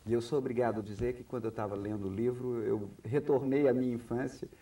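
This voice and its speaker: A man's voice: medium pitch, steady tone, fast, mellow. A man hosting a literary interview, asking long, framing questions and often affirming the guest. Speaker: host. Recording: distant mic, 1990s TV studio recording.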